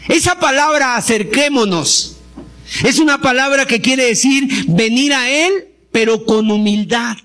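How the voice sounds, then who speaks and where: A man preaching a sermon, impassioned, acting out prayers and rising to shouts during pleas. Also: extremely high pitch, unhurried. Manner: acts out prayers and quoted pleas.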